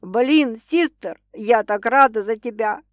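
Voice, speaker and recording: A woman's voice: on the low side, lively intonation, unhurried, fairly bright tone, no room sound, studio quality. A woman voicing a blunt, skeptical older sister who talks in brash slang in an audiobook.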